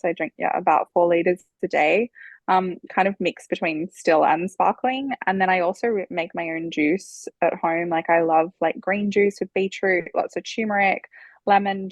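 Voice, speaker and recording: A woman chats as a podcast guest in a gushing, bubbly way, laughing between her sentences. Her voice sits slightly low. It sounds dry and close. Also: no echo, highs cut off. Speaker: podcast guest, business founder. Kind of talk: casual chat.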